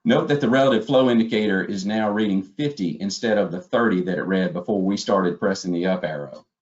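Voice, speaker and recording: In dull, lo-fi webinar audio, a man with a deep voice talks a little fast as he narrates an instructional slide presentation. He's a webinar trainer, taking viewers through it methodically, step by step.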